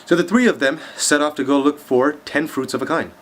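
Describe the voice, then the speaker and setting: A man's voice: on the high side, fairly quick, fairly bright tone. Guy on his vlog telling a long joke, chatty and rambling, lots of ums. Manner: chatty, rambling, with many fillers. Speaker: vlogger.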